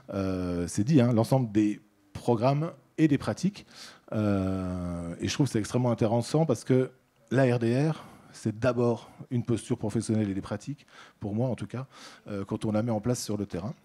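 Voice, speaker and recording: Middle-aged male speaker, warm low-key tone, conference talk full of hesitations. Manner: hesitant, many fillers and restarts, addresses audience and colleagues. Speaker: director of an addiction care organisation, conference speaker.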